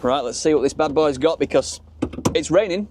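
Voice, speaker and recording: Music plays in the background as a Yorkshire man presents a casual car vlog in colloquial British slang, his voice on the high side at a moderate pace. He's outdoors in and around a small open-top car, and the recording is noisy with car and outdoor ambience.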